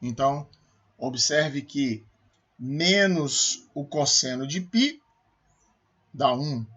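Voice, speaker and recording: A man's voice: on the high side, lively intonation, very slow, fairly bright tone, husky, dull audio. A man with a Brazilian Portuguese accent, a math professor giving a recorded calculus lecture, explaining step by step and checking with his students as he goes.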